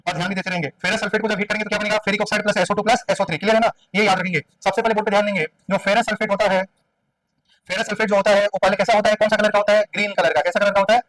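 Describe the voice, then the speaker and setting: A male chemistry teacher lectures at a very fast clip, constantly quizzing his class and repeating the answers back. His voice sits high for a man. The recording is dry and picks him up from a little way off. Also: little pitch movement, fairly bright tone, no room sound, far from the mic, poor audio. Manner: quizzing students with call-and-response questions. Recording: dry room sound, voice away from the mic.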